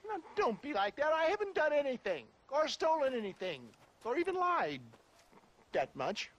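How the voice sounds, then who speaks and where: In video game cutscene acting, a man plays a flamboyant, theatrical older con-man selling health tonics, chuckling and wheedling with a mood of theatrical scheming. His heavily acted voice is extremely high-pitched, sing-song, and a bit bright, at normal speed.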